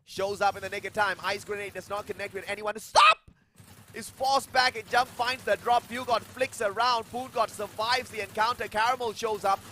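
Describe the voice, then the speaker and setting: A man calling live esports play-by-play as an excitable commentator. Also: high voice, a little fast, hardly any pauses, slight background noise. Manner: excitable, bursting into yells at big plays.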